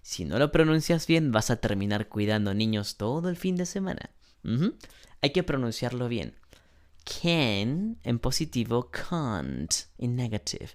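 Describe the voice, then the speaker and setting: A man teaching an English class, explaining grammar slowly and deliberately and often clearing his throat. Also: mid-range voice. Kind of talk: online class lesson.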